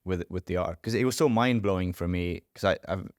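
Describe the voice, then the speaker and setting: A man from Estonia, an actor chatting as a podcast guest in a relaxed, rambling and playful way. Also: low-pitched, brisk, no echo, clean studio sound. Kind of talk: casual interview chat.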